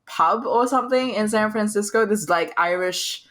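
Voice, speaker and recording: A woman co-hosting a casual podcast chat, telling lively stories, acting out quotes and swearing freely. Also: medium pitch, normal speed. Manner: animated storyteller, acts out quotes, swears freely. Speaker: podcast co-host.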